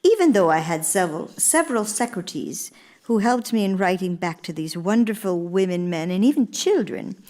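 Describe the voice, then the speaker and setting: In a radio play, an actress portrays an earnest, gracious elder First Lady, speaking formally with theatrical emphasis in a reminiscing mood across monologue and dialogue. Her medium-pitched voice is expressive and darkish at normal speed, lightly acted.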